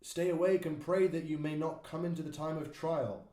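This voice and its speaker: Solemn Jesus read by a man: measured, dark-toned, echoey. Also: fairly high pitch, natural voice. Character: Jesus, solemn grown male teacher. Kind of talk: dramatised Bible reading. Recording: echoey room.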